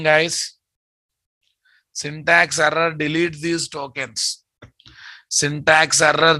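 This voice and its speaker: An Indian man with a Telugu accent lectures students on programming. His voice is bright, hard-edged and a little high, captured close and dry. He drives points home by repeating them and firing questions at his listeners. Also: dry recording. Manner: emphatic, repeats statements and quizzes listeners. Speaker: programming teacher.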